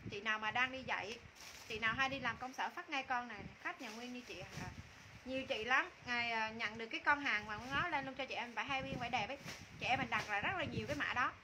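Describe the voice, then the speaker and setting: A high-pitched woman hosts a live sale from a small room. She talks in repetitive, informal sales patter, naming prices and calling on buyers. Clear background noise sits behind her voice on the phone microphone. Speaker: live-stream clothing seller. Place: small indoor room with curtains.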